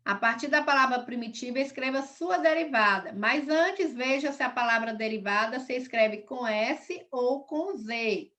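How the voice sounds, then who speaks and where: A woman's voice: sits high, pushed and bright. A woman, a primary school teacher giving a recorded video lesson, patiently repeating each example step by step.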